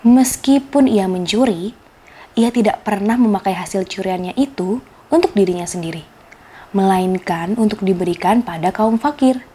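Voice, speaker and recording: Addressing young listeners with expression, the host of a children's folktale show tells a scripted story in a medium-pitched, mellow, slightly rough voice at a moderate pace. Faint music plays behind her.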